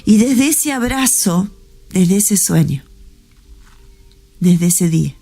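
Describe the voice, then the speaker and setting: Woman, faith testimony, soft heartfelt delivery, mellow dark tone, faint background music. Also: medium pitch, lively intonation, slow. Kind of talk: emotional spoken testimony.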